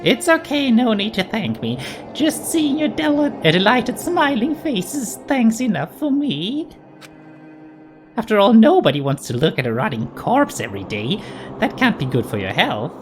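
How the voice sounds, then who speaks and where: A woman's voice: fairly high pitch, big pitch swings, normal speed. A woman voicing a gleefully mocking, mock-polite robot bear villain from a video game. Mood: gleeful mockery. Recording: game music behind.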